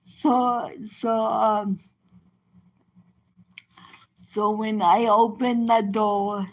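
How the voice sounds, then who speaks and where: Slow, high-voiced rambling woman storyteller. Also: level tone, poor audio. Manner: rambling, repeats "you know" often; halting, restarts sentences. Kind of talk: casual personal storytelling.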